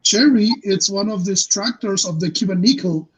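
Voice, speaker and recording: Husky-voiced earnest male host. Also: sits high, poor audio. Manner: earnest, halting with fillers. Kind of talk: discussion panel.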